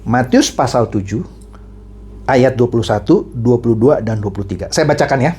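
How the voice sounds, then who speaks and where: An Indonesian man preaching in a relaxed storytelling sermon, chatty and conversational. His voice is somewhat husky, and his pitch rises and falls in a lively way. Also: moderate pace.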